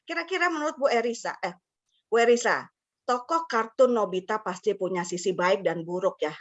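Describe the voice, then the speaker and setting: With lively intonation, medium pitch and a normal pace, a woman leads a teacher-training session over video call. She chats freely, laughs a lot, and slips English words into her speech. Sound quality is slightly dull, lo-fi call audio.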